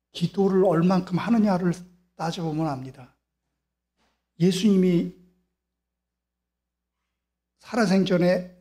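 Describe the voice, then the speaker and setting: A man's voice: high voice, dark tone. A man preaching a sermon as pastor in a church, pressing his point with repetition and rhetorical questions. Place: church sanctuary.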